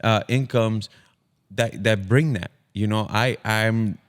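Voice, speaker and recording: Man in his 30s, lowish voice, earnest co-host, casual chat. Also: fairly even intonation, takes it slowly. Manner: earnest, advice-giving. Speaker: podcast co-host.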